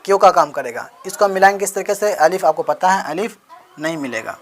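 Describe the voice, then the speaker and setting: A man's voice: high voice, expressive, brisk, slight background noise. A man teaching Urdu handwriting, patiently spelling out letters one by one and answering his own questions as he writes. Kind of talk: explanatory handwriting lesson.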